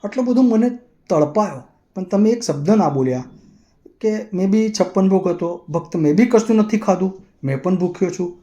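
A man's voice: sits high, animated, normal speed, warm tone, dull audio, pitched above the performer's own voice. A man voicing a humble, poor male temple sweeper who pleads earnestly. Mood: grieving.

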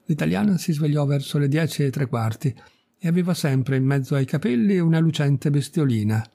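A man reading a classic short story aloud as an audiobook narrator, in a measured, expressive storytelling manner. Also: fairly high pitch, vocal fry. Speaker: audiobook reader.

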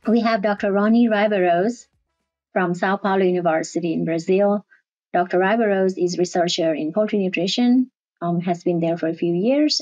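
A woman's voice: mid-range voice, a little mellow. A woman hosting a podcast interview from an office over a video call, speaking in loose, rambling phrases with fillers. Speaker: podcast host. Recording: dull lo-fi call audio with faint music.

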